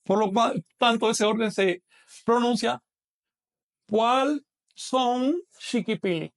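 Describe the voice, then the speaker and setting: A man's voice: very high voice, takes it slowly. A man teaching a math class online, explaining patiently and quizzing a student as he goes.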